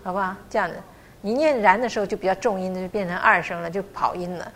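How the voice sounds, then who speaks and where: A middle-aged woman teaching a class to pronounce a chant, patiently encouraging students and sounding out syllables slowly. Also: medium pitch, a bit bright. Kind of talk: pronunciation lesson.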